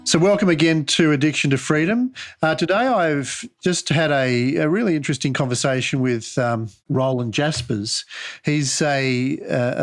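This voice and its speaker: A man hosting an interview podcast, speaking casually with frequent restarts and fillers. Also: fairly high pitch. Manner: hesitant, many restarts and fillers. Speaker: podcast host. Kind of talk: conversational interview.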